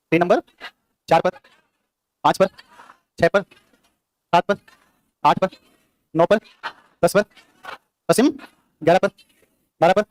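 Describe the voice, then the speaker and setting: A male teacher giving a classroom lecture, quizzing his students with quick questions. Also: fairly high pitch, no room sound.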